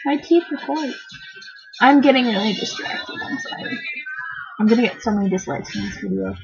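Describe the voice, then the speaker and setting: A teenage girl ranting and gushing in a casual vlog, rambling and excitable. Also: a little high, moderate pace, creaky, dull audio. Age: teens. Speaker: vlogger.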